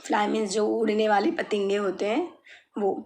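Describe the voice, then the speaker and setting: A woman teaching children Arabic words, patiently explaining and repeating each word slowly. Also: mid-range voice, flat delivery, darkish tone. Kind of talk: slow explanatory lesson.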